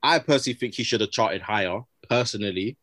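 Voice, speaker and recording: A man's voice: on the low side, quick pace, a bit bright, dry recording, clean studio sound. A man with a London roadman accent chatting casually as a podcast guest, slangy and full of repeated tag questions. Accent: London roadman (urban slang).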